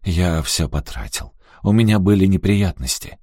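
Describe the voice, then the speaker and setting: A man's voice: low-pitched, lively intonation, normal speed, warm tone, no room sound, studio quality. Man playing a guilty, pleading father. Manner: pleading, placating. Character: guilty pleading middle-aged father, weak-willed.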